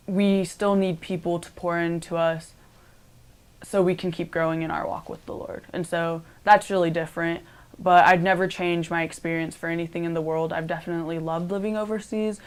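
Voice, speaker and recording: A young college-age woman talks through her interview answers in a relaxed, chatty way. She keeps dropping in "like" and "um" as she thinks aloud. Her voice sits a bit low for a woman. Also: clear, resonant tone. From Cambodia. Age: young adult. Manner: chatty, many "like" and "um" fillers.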